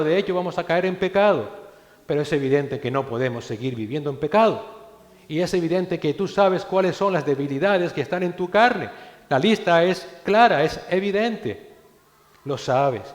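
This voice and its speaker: Emphatic male preacher in echoing church. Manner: emphatic preaching, swinging between loud exhortation and hushed low phrases. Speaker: pastor. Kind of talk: sermon. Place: church hall. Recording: echoey church hall with long reverb.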